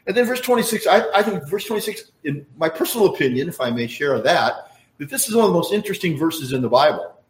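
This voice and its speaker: A man's voice: fairly high pitch, big pitch swings, fast, echoey room. A man preaching a sermon in a conversational, folksy way, full of asides and explanations. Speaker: pastor.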